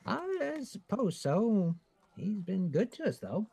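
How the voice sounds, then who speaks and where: Chatty village shopwoman, played by a man, pitched up and husky, friendly and hesitant, tabletop game. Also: big pitch swings, takes it slowly, mellow, heavily acted. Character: friendly, chatty small-town shopkeeper woman.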